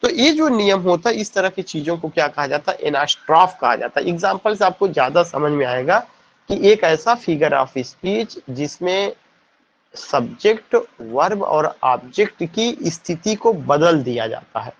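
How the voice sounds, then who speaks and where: A man's voice: on the high side, expressive, a little slow, lo-fi sound. A man teaching an exam-prep lesson, switching between Hindi and English and asking rhetorical questions before answering them.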